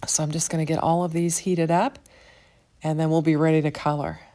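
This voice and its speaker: An older woman with a low voice narrates a papercraft tutorial. She chats in a relaxed, folksy way and fills her pauses with small "um"s as she walks through each step. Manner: chatty, folksy, with frequent fillers. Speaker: craft demonstrator. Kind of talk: casual craft tutorial narration.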